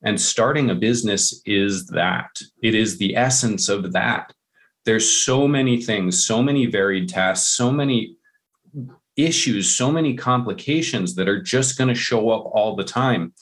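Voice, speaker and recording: A man with a fairly low voice talks as a guest on a casual podcast. He is passionate and emphatic and repeats key phrases for stress. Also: a little slow, fairly bright tone.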